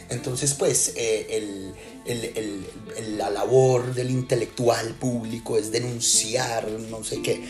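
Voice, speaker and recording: A man from Colombia with a Colombian accent, a writer and lecturer musing in a casual, thoughtful way with many pauses and restarts. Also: lowish voice. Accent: Colombian Spanish. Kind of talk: casual reflective talk. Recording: music clearly behind.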